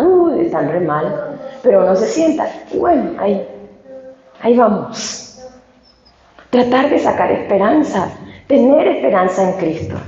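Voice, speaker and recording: A woman from Paraguay who preaches and sings, telling a personal story in a lively way full of rhetorical questions. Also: mid-range voice. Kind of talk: sermon. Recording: echoey room, dull lo-fi sound.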